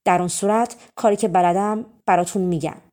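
A woman's voice: mid-range voice, steady tone, a little mellow, lightly acted. Humble young man, a clever thief, earnest and pleading, as a woman reads him.

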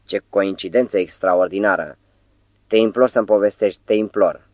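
A man voicing an anxious, gentle middle-aged patient who talks softly and pleadingly. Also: lowish voice, no room sound, lightly acted. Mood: uneasy.

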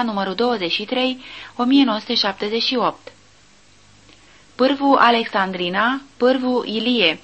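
A woman with a somewhat high voice reads a nonfiction audiobook aloud. She moves through long reference lists at a slow, measured pace, giving each entry the same steady weight. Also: low-quality recording. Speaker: audiobook reader.

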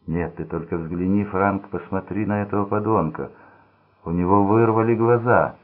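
A man's voice: deep voice, normal speed. A man voicing a cruel, mocking gangster who speaks in a menacing, sneering way. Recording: tinny phone-like sound.

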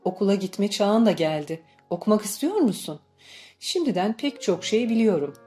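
A woman reading the lines of a tender, proud young mother in an audiobook, gentle and firm, over faint music. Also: mid-range voice, lively intonation, moderate pace, natural voice. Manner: warm, then firm and dignified.

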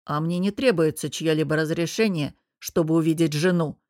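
A woman's voice: fairly low pitch, moderate pace, no room sound, clean studio sound, close to an everyday voice. A woman voicing an angry, domineering businessman husband who growls and presses hard. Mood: stern. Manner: growling, forceful.

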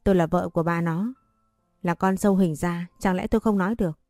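A woman's voice: fairly low pitch, a little fast, dry recording, soft background music, close to an everyday voice. A woman voicing a scornful, haughty middle-aged stepmother-in-law in a spoken story. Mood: defensive. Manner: contemptuous, shouting.

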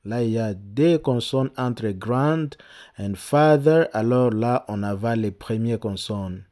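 A man teaching an English lesson to pupils, repeating each word slowly so they can copy it, with hesitant fillers and restarts. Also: medium pitch, mellow. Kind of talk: slow language lesson.

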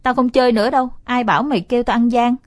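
A woman voicing a bossy, quick-tempered young boy who talks loud and cocky, in a storybook reading. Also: mid-range voice, steady tone, natural voice.

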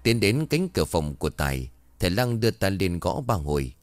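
Animated male ghost-story narrator. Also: low voice, a little fast, no room sound.

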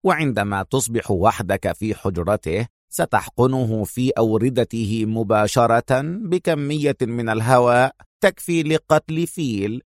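A man voicing a calm, cold, contemptuous male crime boss who speaks slowly and coolly in a storybook reading. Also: medium pitch, dry recording, studio quality. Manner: cool, slow, contemptuous.

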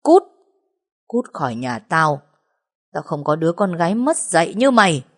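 A woman's voice: on the low side, big pitch swings, normal speed. A woman voicing a furious, tearful young pregnant woman who shrieks hateful curses in an audio story. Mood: spitting curses.

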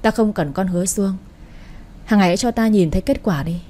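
A woman's voice: medium pitch, a little fast, mellow, lightly acted. A woman voicing a stern elderly mother who rules her household, speaking severely and with command.

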